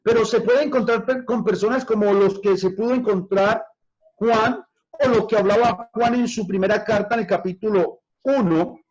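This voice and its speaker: High-voiced man teaching scripture, lo-fi. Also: a little mellow. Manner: addresses listeners directly as brothers, asks questions; stretches key words slowly for emphasis. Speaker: pastor. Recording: dull lo-fi recording.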